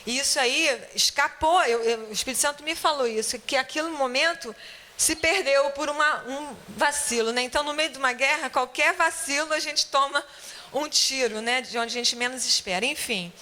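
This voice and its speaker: Brazilian woman, church teacher, bright and somewhat high, chatty testimony full of "right?" asides. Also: moderate pace. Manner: conversational storytelling, frequent tag questions. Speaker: Bible-school teacher. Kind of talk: personal testimony in a church class.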